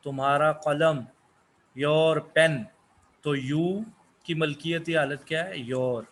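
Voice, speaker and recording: A man whose first language is Urdu, giving a slow English lesson, asking questions and answering them himself. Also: on the high side, a bit bright, slight background noise. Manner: asks questions then answers them, repeats words. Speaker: English teacher.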